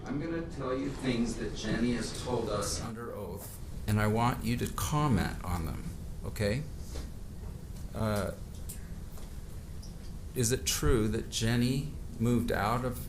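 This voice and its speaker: A man cross-examining a witness, pressing with halting questions and fillers, heard in a courtroom recording. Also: mid-range voice. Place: large courtroom. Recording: echoey courtroom audio with steady noise.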